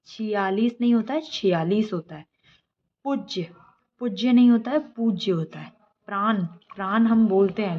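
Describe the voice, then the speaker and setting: A woman's voice: mid-range voice, dull audio, a little hiss or hum. Woman teacher reading spellings aloud. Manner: explains each word, asks and answers her own questions. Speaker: exam prep teacher. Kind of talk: lesson reading a book aloud.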